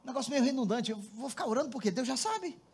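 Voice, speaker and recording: High-voiced animated pastor preaching. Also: male voice, fast, husky. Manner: storytelling, animated, laughs often, calls congregation to respond. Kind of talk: sermon. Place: church hall before a congregation. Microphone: handheld microphone.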